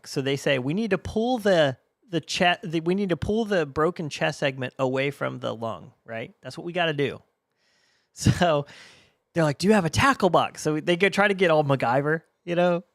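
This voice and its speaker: This is a man co-hosting a casual podcast, retelling a scene with animated energy and bursts of laughter. His voice sits a little high for a man. The sound is close and dry. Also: moderate pace, no room sound. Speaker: podcast co-host. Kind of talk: casual chat.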